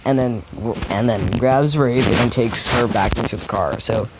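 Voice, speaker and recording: A man's voice: medium pitch, a little slow. Guy rambling thru a made-up fan story, keeps correcting himself, noisy mic. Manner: rambling, with many self-corrections and fillers. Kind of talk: casual improvised fan story. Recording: noisy home recording.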